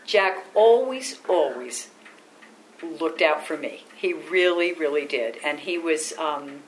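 An older woman with a fairly low voice recounts family stories for an interview, animated and anecdotal. She slips into little voices for the people she quotes. Faint background noise sits under her voice. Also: slow, low-quality recording. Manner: warm, lively anecdotes with quoted voices and laughter. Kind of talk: oral history storytelling.

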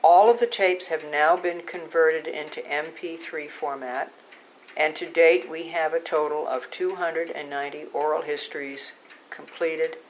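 An older woman with a low voice gives an oral history interview. She recollects in measured, halting phrases. There is noticeable noise behind her. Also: fairly even intonation, rough recording.

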